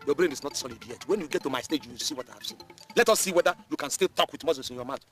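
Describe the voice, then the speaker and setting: A man's voice: fairly high pitch, racing, a bit bright, faint music behind, close to an everyday voice. A man with a Nigerian accent playing a proud older chief, mocking and scolding a younger man in a film. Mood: scornful. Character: proud older male chief, blustering and scornful. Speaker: Chief Nwadike, a wealthy father. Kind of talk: Nollywood film acting.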